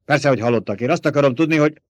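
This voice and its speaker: A man voicing a cruel, domineering baron in an audiobook, with a sharp, commanding delivery. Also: medium pitch, no room sound, voice pushed up, natural voice.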